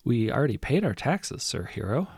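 A man's voice: mid-range voice, big pitch swings, normal speed, gravelly, a little mellow, husky, no room sound, studio quality, voice pushed up, exaggerated voice. A man doing a blunt, stubborn farmer. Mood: firm. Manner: firm, blunt. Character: stubborn farmer, husband and father.

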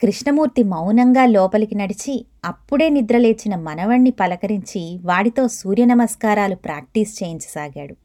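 A woman narrating a short story in a steady, even reading voice. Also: mid-range voice, moderate pace.

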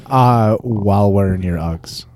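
A man's voice: on the low side, unhurried, a little mellow. A man co-hosting a podcast in casual football chat, laid-back, with lots of agreeing interjections and dry jokes. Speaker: podcast co-host.

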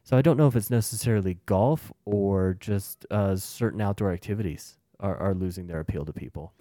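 A young man co-hosting a podcast in a relaxed, rambling chat with many restarts. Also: sits low, a little fast, no room sound, clean studio sound. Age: young adult. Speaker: podcast co-host. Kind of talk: casual chat.

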